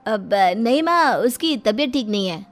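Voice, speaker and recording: A gentle young husband, voiced by a woman in a family drama story. He talks mildly and softly, always giving in to his wife. Faint music sits in the background. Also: fairly high pitch, animated, moderate pace, lightly acted.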